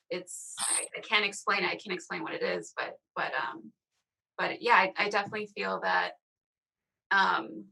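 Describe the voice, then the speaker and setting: The woman's voice has a heavy, gravelly fry and a bright, tense edge. She speaks thoughtfully, pausing to search for the right words. She is heard over a video call. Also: medium pitch, rough recording. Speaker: actor panelist. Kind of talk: reflective casual panel talk.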